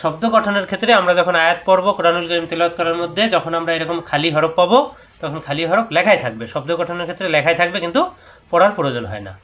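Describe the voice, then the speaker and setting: A man whose first language is Bengali, teaching Quran recitation rules, drawing out each example word slowly and then explaining the rule briskly. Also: fairly high pitch, a bit bright. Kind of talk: tajweed lesson.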